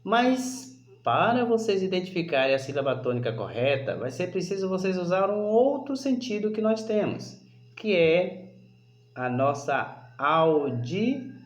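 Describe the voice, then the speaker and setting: A male primary school teacher giving a remote lesson, talking slowly and deliberately and often asking whether the class understood. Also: sits high, very animated, roomy sound. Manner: slow, deliberate, repeats questions to check understanding.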